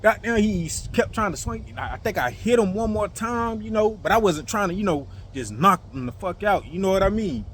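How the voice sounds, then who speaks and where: A man telling a personal story to his viewers in a casual, animated way, full of fillers and swearing, acting out the sounds. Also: high-pitched, brisk, few pauses, slight background noise.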